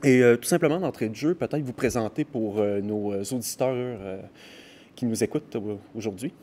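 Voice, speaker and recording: A man's voice: medium pitch, mellow. A man hosting an academic podcast interview, welcoming his guest and asking questions with many hesitations. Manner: hesitant and halting, with many pauses. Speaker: podcast host.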